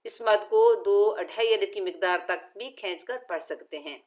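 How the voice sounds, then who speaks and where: A woman teaching Quran recitation with tajweed, patiently explaining each letter and then chanting each word slowly and drawn out. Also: medium pitch, darkish tone. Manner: patient, methodical instruction. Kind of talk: slow step-by-step recitation lesson.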